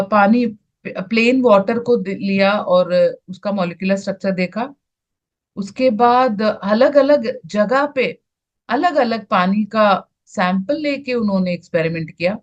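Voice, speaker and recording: An Indian woman speaks slowly to an online group as a spiritual teacher. Her voice sits a touch high. She stops often to find her words while sharing her screen. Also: lo-fi sound.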